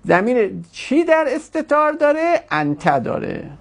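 A lively teacher runs a classroom grammar lesson, and the voice swings widely in pitch. It quizzes the students, then slows down and stretches out words to explain, with a gravelly edge running through the talk. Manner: questioning, drawn-out explaining.

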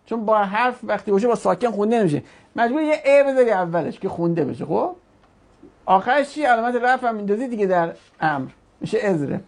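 A woman's voice: medium pitch, lively intonation, a little mellow. A woman teaching an Arabic grammar class, patiently explaining step by step with examples. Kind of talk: online class, explaining verb conjugation.

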